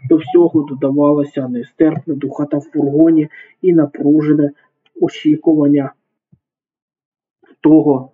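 A man reading a crime novel aloud as audiobook narration, steady and dramatic. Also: on the high side, moderate pace, pauses often, slightly rough. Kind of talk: scripted narration. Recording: tinny phone-like sound.

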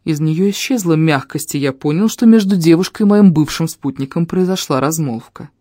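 An audiobook narrator tells a first-person fantasy tale with expressive, feeling-filled delivery. The voice is warm and mellow, middle in pitch, recorded close and dry with no room sound. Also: normal speed, no room sound. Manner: expressive, emotional storytelling.

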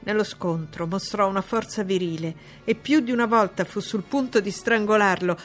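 An Italian woman reading a classic novel aloud in a measured, steady narration. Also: mid-range voice, soft background music. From Italy. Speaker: audiobook reader. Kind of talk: literary audiobook narration.

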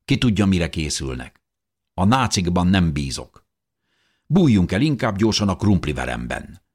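A man's voice: deep voice, very animated, husky, pitched above the performer's own voice, full character voice. A man reading an audiobook, voicing a firm, protective mother who gives orders to her family. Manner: firm and commanding.

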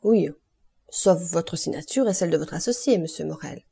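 A woman's voice: lowish voice, normal speed, gravelly, warm tone, slightly rough. A woman reading the lines of a sly, envious male ship's officer in an audiobook.

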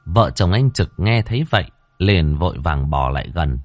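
A man narrating a ghost story in a dramatic, expressive, deliberate way. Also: sits low, no echo, soft background music.

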